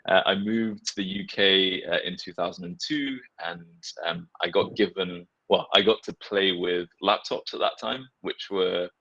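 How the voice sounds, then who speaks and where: Deep husky guy from nepal on a design panel, earnest, kinda lo-fi call sound. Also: a little slow, hardly any pauses, sharp tone. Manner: earnest, reflective, uses casual fillers. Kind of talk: casual panel discussion. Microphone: video call. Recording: dull, lo-fi video call audio.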